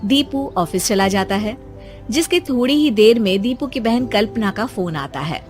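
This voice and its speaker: A woman's voice: fairly high pitch, moderate pace, faint music behind. Woman narrating a cartoon story. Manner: even, storytelling.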